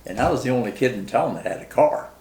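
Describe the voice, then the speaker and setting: Old guy, war vet remembering way back, gravelly voice, rural midwest accent, halting n folksy, echoey room. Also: medium pitch, expressive, darkish tone, slight background noise. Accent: rural American Midwestern. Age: very old, 90s. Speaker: war veteran being interviewed. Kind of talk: casual reminiscing interview. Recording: roomy, echoing interview recording.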